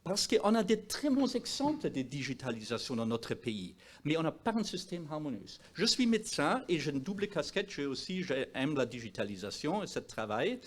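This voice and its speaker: Man, foreign-accented non-native French, lively swooping intonation, emphatic public presentation, halting word searches. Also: fairly high pitch. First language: not French. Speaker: doctor presenting at a health conference. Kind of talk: presentation to an audience.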